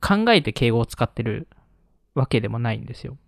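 A man's voice: mid-range voice, sing-song, fairly quick, creaky, no echo, studio quality. A man who is stronger in English than Japanese, chatting as a podcast co-host in very polite, formal phrasing with a hesitant delivery. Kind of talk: casual chat in polite Japanese.

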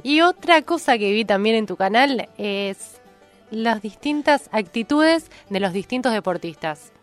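A woman's voice: on the high side, expressive, unhurried. A woman, hosting a radio interview and prompting the guest with questions. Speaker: radio host. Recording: radio studio with faint music.

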